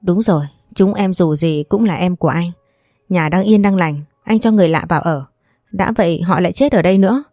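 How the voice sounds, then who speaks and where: A scheming middle-aged sister-in-law with a wheedling, complaining way of talking, as a woman storyteller puts her on. Low, mellow voice, dry close sound. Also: brisk, no room sound, soft background music, lightly acted. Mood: angry.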